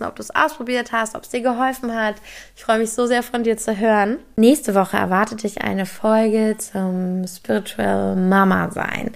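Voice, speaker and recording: A young woman hosts a solo podcast in a quick, eager rush, tossing English words into her sentences. Her voice sits in a middle pitch with a gravelly fry in it. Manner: enthusiastic, mixes in English words; talks quickly. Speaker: podcast host.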